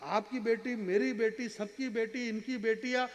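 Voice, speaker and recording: A high-pitched man declaims verse to a live audience. His voice drops to a hush, then rises to a ringing call, and he breaks off to talk straight to the crowd. A long reverb hangs on every word. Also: fairly even intonation, measured pace. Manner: declamatory, swings from hushed to ringing; addresses the crowd directly, banters. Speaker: stage poet. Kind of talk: kavi sammelan poetry recitation. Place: live stage before an audience.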